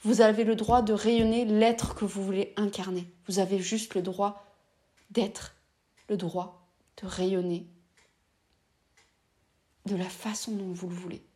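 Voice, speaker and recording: Addressing her viewers directly, a woman from France reflects on neurodiversity in a heartfelt, passionate monologue to camera. She speaks in a mellow, mid-range voice that stays steady and unhurried, pausing often.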